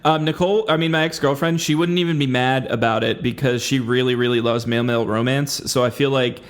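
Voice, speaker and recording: A man's voice: mid-range voice, fairly even intonation, fast talker. A man hosting a podcast in casual chat, joking and teasing his guest and rambling with frequent restarts. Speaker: podcast host.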